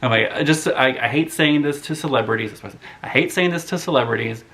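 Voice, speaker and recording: Chatty guy in his 30s rambling to camera, lots of "like", gets animated. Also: mid-range voice, quick pace. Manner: rambling, animated storyteller full of "like". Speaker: movie vlogger. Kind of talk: casual chat to camera.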